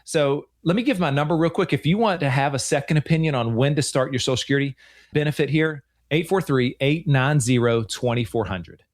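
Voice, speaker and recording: A man's voice: a little high, a little fast. A man in his forties, a financial advisor hosting a show, talking in an earnest, chatty way and often repeating himself. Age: 40s. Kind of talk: casual radio-show chat.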